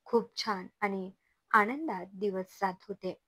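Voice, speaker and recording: Storyteller: woman, gentle even narration of a romance, husky tone. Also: medium pitch, slow, dry recording.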